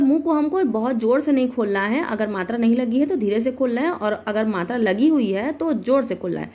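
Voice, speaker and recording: Woman teacher, fairly high voice, patient and deliberate, spelling out syllables for young readers. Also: a little mellow. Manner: patient, spells each syllable slowly and clearly. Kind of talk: slow syllable-by-syllable reading lesson for children.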